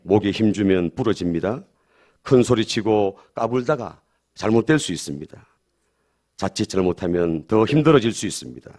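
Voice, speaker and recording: A man's voice: lowish voice, animated, moderate pace, a little mellow. A middle-aged man, a pastor preaching a sermon, stressing key phrases over and over and having the congregation repeat after him.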